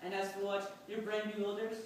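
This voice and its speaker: A performer playing the Pied Piper, a mysterious, boastful wandering musician, reciting verse deliberately for readers theatre. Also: medium pitch, flat delivery, natural voice. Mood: boastful, formal. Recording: distant, very echoey room, faint noise.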